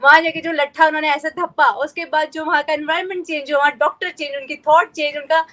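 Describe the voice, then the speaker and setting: A woman's voice: high voice, steady tone, fast talker, sharp tone. A woman in casual conversation, speaking emphatically. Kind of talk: casual chat.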